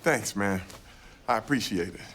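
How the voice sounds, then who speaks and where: A man's voice: lowish voice, normal speed, fairly bright tone, close to an everyday voice. An actor playing a flustered young man on a sitcom, pleading and exasperated. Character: flustered young man doing damage control. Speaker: TV station staffer in a sitcom. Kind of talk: sitcom acting. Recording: studio audience laughter, noisy. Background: live audience laughter.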